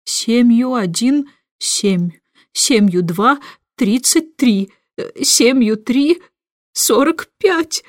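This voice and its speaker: A woman voicing a muddled, boastful, childlike king who talks slowly and grandly. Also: a little high, no echo, clean studio sound. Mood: gloomy.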